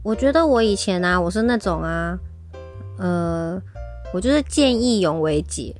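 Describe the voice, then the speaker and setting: Animated woman storyteller. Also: fairly low pitch, unhurried, soft background music. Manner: animated storytelling, often laughing. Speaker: podcast co-host. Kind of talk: casual chat.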